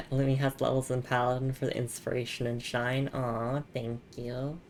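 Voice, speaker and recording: A woman's voice: rumbling low, flat delivery, normal speed, a little hiss or hum. A woman streaming a game with a sick voice, chatting casually, laughing often and reading messages aloud; she notes that her accent makes her hard to understand. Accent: non-standard English accent. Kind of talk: casual live gameplay chat.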